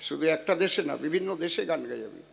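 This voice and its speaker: A man's voice: on the high side, lively intonation, fast, creaky, a little hiss or hum. An older man, a devotional singer, doing a stage sound check and giving the crew bossy running orders into a handheld mic.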